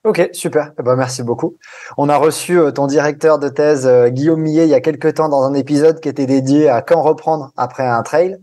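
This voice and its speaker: A man hosting a podcast, reading a scripted explanation and then interviewing a guest in a clear, measured way. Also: a little high, steady tone, mellow. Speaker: podcast host.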